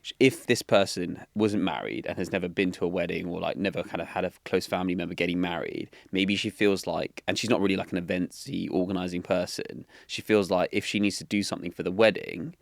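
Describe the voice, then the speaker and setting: A young man co-hosting a wedding podcast, soft-spoken and easygoing in casual chat. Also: low-pitched, steady tone, fast talker, vocal fry, few pauses, dry recording, studio quality. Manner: soft-spoken and easygoing, quiet next to his co-host. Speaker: podcast co-host.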